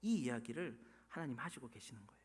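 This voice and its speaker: A man preaching a sermon as pastor, swinging from loud pleading questions to hushed whispers. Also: mid-range voice, lively intonation, fast, husky. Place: church sanctuary. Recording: long church hall reverb.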